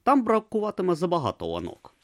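A man narrating a comic fantasy novel as an audiobook, in an expressive storytelling read. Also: high-pitched, fast, no echo, clean studio sound.

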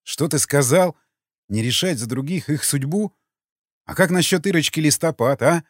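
In an audiobook reading, a man voices a heated young man hurling accusations. His voice sits a little high, pitched above his own yet close to an everyday voice, at normal speed, with clean studio quality and no echo.

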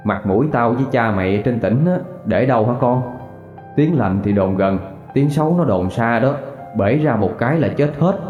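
A man voicing an older mother who fretfully hushes her daughter, in a storybook reading. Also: medium pitch, animated, close to an everyday voice. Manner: hushing, fretful, quick. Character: older mother, anxious about family reputation. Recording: roomy, dull recording with faint music.

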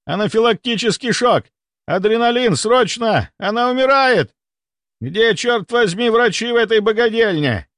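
A man voicing a panicking wealthy count who yells frantically for doctors. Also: high-pitched, lively intonation, moderate pace, no room sound, studio quality, voice pushed up. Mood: frantic, yelling. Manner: frantic yelling. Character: panicking rich male count, shouting.

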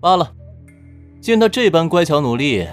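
A man playing a haughty, condescending young gentleman suitor in an audiobook drama. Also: fairly high pitch, sing-song, normal speed. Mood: smug, condescending. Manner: haughty, self-satisfied. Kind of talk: Chinese audiobook drama acting. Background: background music.

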